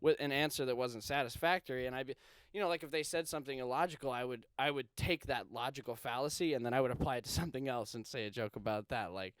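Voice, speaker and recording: A man in his twenties telling stories to friends in a casual chat, animated, laughing and swearing as he goes. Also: mid-range voice, fast talker, no echo, clean studio sound. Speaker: podcast co-host, band member. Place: indoor room with friends at a table.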